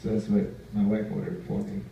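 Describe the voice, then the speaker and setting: A man's voice: on the low side, level tone, a little fast, vocal fry, lo-fi sound. A man doing a stand-up routine, telling stories and acting out the people in them. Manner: storytelling with acted quotes of other people. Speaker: stand-up comic. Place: live cafe venue. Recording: very echoey room, distant mic, noisy ambience.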